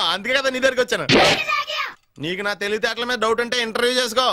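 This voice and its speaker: A man's voice: very high voice, noisy background. A man playing a cheeky young nephew who cracks jokes in a film comedy scene. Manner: rapid joking banter. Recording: film audio with loud background music.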